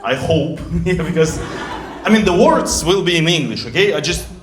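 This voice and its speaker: Man with a thick Russian accent doing stand-up. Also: a little high. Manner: deadpan jokes in broken English, pausing for laughs. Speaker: stand-up comedian. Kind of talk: stand-up set. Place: comedy club stage in Berlin. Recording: echoey club with loud audience.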